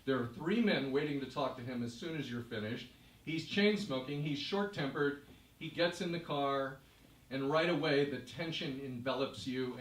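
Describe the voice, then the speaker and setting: Male stage storyteller, vivid and emphatic; recorded from afar in an echoey hall. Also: medium pitch. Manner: vivid, emphatic second-person narration. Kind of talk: live storytelling performance. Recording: roomy stage, distant mic.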